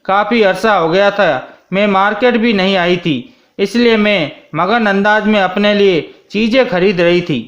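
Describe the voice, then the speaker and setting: A man narrating a first-person story in a steady, scripted reading. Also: high-pitched, moderate pace. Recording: dull lo-fi sound.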